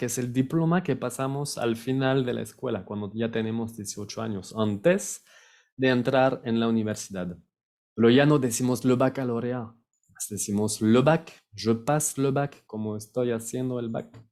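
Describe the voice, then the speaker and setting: A French-accented man teaching a language lesson to camera, a native speaker who takes his time. He talks unhurriedly at a middle pitch, patiently repeating each word and its long form. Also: darkish tone. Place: on camera, recording a video lesson.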